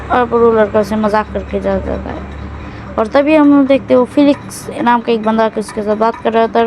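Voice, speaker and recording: A woman's voice: fairly high pitch, a little mellow, slight background noise, low-quality recording. A woman casually recapping a drama's plot in a loose, rambling way, often correcting herself mid-sentence.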